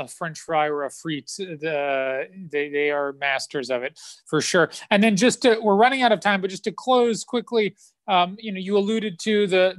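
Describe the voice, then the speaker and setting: Higher-voiced man hosting, very dry sound. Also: a bit bright, no room sound. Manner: hesitant, with many fillers. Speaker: host. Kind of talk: hosted Q&A interview.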